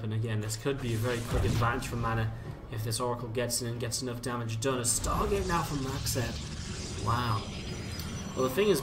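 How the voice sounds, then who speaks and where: A man's voice: mid-range voice, far from the mic, background noise. A man doing live play-by-play commentary on a video game, informal and chatty, thinking aloud as he goes. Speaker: esports commentator. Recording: music behind the voice. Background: music.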